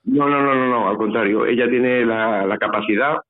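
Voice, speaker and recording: Over a tinny phone line with faint music behind it, a guest from Spain speaks with a Spanish accent about something personal, hesitant and repeating himself. His voice is medium-pitched and moderately paced.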